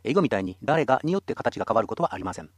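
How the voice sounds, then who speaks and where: A man's voice: fairly low pitch, sing-song, very fast, slightly rough, no room sound. A man teaching a radio language lesson, explaining patiently and encouraging listeners.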